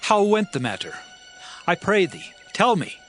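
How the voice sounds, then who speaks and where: King David as a grieving warrior-king, with a fairly high voice and a solemn, lamenting delivery. Gentle music sits faintly beneath his words. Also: sing-song, measured pace, exaggerated voice. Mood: stern. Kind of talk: dramatized scripture reading. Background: faint background music.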